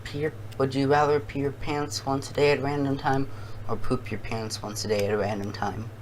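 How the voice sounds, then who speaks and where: A challenge video host talking casually to viewers and thinking out loud in a halting way. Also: mid-range voice, level tone, a little hiss or hum, low-quality recording.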